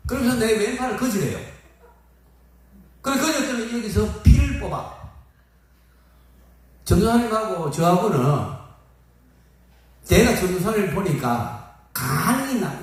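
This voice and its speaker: An older male pastor tells a folksy story from the pulpit and slips into the voices of the people he quotes. His voice sits high and rises and falls a great deal. It is heard from well off the mic, with a strong room echo around it. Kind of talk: storytelling sermon. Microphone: phone camera at a distance. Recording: echoey hall, phone from far off.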